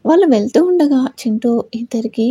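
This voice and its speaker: A woman narrating an episode of a serialized love story in a steady, even storytelling manner. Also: a little high, a little fast, breathy edge, no echo.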